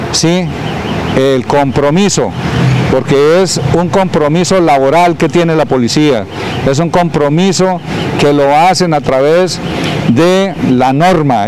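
A man's voice: fairly high pitch, a little mellow. Indignant middle-aged man, street interview. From Colombia. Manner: earnest, indignant, repeats phrases for emphasis. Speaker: community leader. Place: outdoors by a building in town. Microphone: handheld reporter mic. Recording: outdoor street noise.

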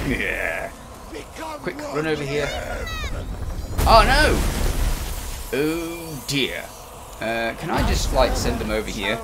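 Guy gaming, slow chatty commentary w mild exclamations, really loud game music under him. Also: medium pitch, creaky. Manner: mild exclamations, thinking aloud. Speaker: gamer playing and commentating. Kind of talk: casual gameplay commentary.

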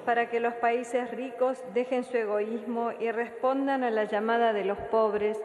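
A woman's fairly high voice reads the intercessions at Mass in a steady, measured way. A cathedral echo hangs around every word, and a long reverb trails behind each phrase in the big stone church. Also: noisy background. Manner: measured, even liturgical reading. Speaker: lay reader at Mass. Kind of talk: reading prayers of the faithful aloud. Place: large church.

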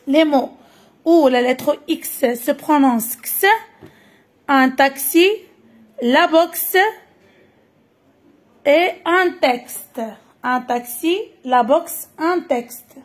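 A woman teacher with a Moroccan accent and Moroccan Arabic as her first language, slowly reading out French words for children, repeating each one carefully. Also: high voice. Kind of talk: French phonics lesson for children.

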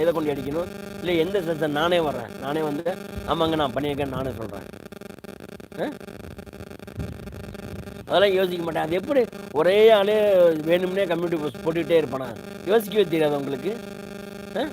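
A man rants on a livestream from home, indignant, repeating himself and demanding answers from his viewers. His voice sits a bit high, and a faint hum runs under the recording. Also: a little fast, long pauses. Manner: indignant, repetitive, rhetorical questions. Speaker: live streamer. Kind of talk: heated livestream rant.

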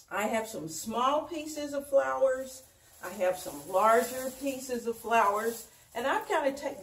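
Slow-talking older woman, roomy home echo. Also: mid-range voice, distant mic. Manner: chatty, unhurried, talks while working with her hands. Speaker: home decor host. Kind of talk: casual how-to demonstration. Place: dining room at home, indoors. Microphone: camera mic from across the room.

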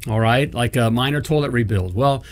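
Speaking a little fast into a boom-arm desk mic, this middle-aged host runs a coaching talk show from a studio. He coaches plumbing businesses and punctuates every point with "okay?" or "all right?".

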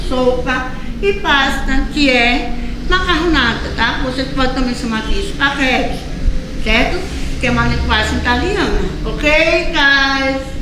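A Brazilian school English teacher with a Brazilian Portuguese accent records a lesson for young children in a school studio with a cartoon backdrop. Her voice is high and sharp, and she explains slowly, drawing words out and often checking in with "tá?" and "ok?". The room is very echoey, with clear background noise.

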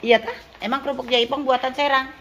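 A woman's voice: sits high, fairly even intonation, fast, a bit bright. Chatty woman calling out. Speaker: caretaker at a care home. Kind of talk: casual chat. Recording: faint background noise.

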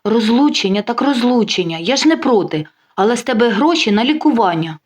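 A calm, sharp-tongued wife in an audio story, voiced by a woman narrator. She answers dryly and without hurry, every line laced with mockery. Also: on the high side, pitched above the performer's own voice. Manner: dry, mocking, unhurried.

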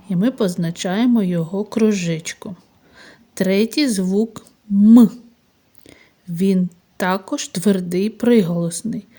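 A woman kindergarten teacher with a Ukrainian accent gives a recorded lesson to small children. She speaks slowly and patiently, asking questions and answering them herself. Her voice sits at a middle pitch. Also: mellow.

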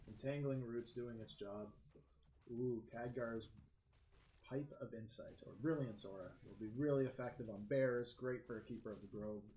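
Male game caster, lively play-by-play, mid-range voice, echoey room with faint hiss. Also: moderate pace. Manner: lively play-by-play, excitable with sudden pitch jumps. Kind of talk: esports commentary.

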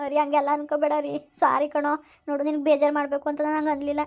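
A woman's voice: sits high, completely flat delivery, very fast. A young woman, acting a tearful, pleading pregnant wife in a village skit.

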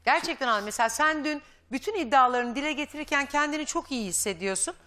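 Female talk show host, high and lively, confronting and lecturing guests. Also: quick pace. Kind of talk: live daytime talk show.

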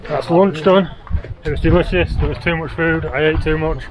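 A man's voice: on the high side, fairly even intonation, moderate pace, crowd noise, low-quality recording. A man in his thirties vlogging to a handheld camera outdoors on a mountain trail, upbeat and a bit out of breath. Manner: breathless, cheerful, upbeat commentary while hiking. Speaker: travel vlogger. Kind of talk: casual vlog narration to camera. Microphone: action camera held at arm's length.

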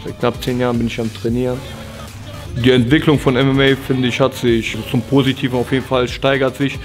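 Young guy fighter chatting in a gym, mid pitch, relaxed, stops and restarts a lot. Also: a little fast, faint music behind. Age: 20s. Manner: relaxed, frequent fillers and restarts. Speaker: MMA fighter. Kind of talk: casual interview. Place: training gym, indoors.

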